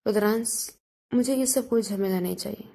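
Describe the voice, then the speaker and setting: A woman's voice: medium pitch, normal speed, vocal fry, warm tone. A woman voicing a threatening man, the heroine's brother, in a narrated Hindi love story, taunting as he threatens.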